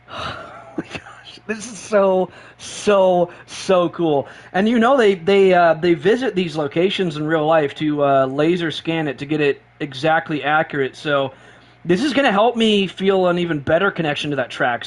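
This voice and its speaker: At a moderate pace, this high-voiced streamer chatters excitedly through a live racing game. Fueled by caffeine on little sleep, he wanders off track and says things over again.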